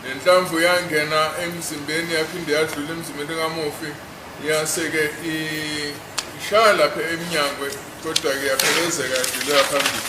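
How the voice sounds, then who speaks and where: A man with a South African accent interpreting in court during a cross examination, halting and repeating the starts of words. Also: fairly high pitch, level tone. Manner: halting, repeats word beginnings. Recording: echoey, noisy courtroom recording.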